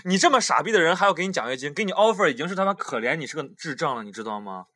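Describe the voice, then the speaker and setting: Fast, lively young man ranting. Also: fairly high pitch. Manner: profane, ranting, mock-angry. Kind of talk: casual mocking banter.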